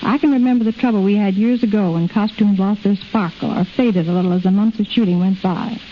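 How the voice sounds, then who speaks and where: A film editor in middle age, guesting on a 1930s radio interview, reads her scripted replies briskly in a steady, medium-pitched voice. The old recording is muffled and full of hiss.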